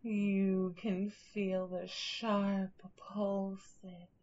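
Very slow, soft-spoken woman hypnotist. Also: mid-range voice, little pitch movement. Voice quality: soft and breathy, dropping to whispers. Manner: drawn-out, dominant and coaxing. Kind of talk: slow hypnotic guided narration. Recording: dull lo-fi recording.

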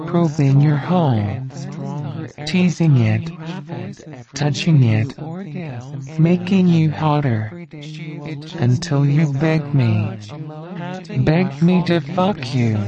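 A man narrating a hypnosis recording in a slow, commanding, repetitive way. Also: fairly high pitch, dull audio.

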